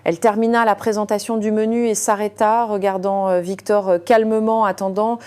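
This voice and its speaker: A woman's voice: medium pitch, flat delivery, a little fast, darkish tone, clear, resonant tone. A woman narrating a dramatic story, hesitating often with fillers between phrases.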